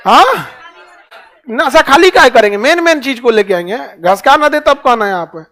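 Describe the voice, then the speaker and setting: Bihari guy lecturing a class, really high voice, keeps throwing questions at them. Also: lively intonation, normal speed, fairly bright tone. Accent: Bihari Hindi. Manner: rhetorical questions, colloquial. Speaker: teacher.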